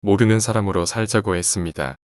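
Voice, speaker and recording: A man narrating a first-person horror story aloud in a quiet, measured reading. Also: on the low side, no room sound, studio quality.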